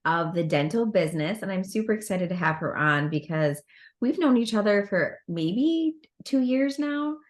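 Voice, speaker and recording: A woman's voice: mid-range voice, expressive, moderate pace. A middle-aged American woman from the Midwest, hosting a casual interview over a video call. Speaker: host. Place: indoor room at home or office.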